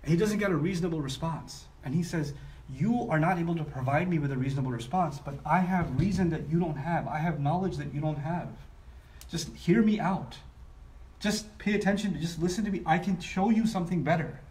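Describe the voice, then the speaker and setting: A man teaching a structural lesson on scripture, animated and often voicing the speakers of the story as he explains. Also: a little high, fairly quick, far from the mic. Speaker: Quran teacher. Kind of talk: lecture on scripture. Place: broadcast live online.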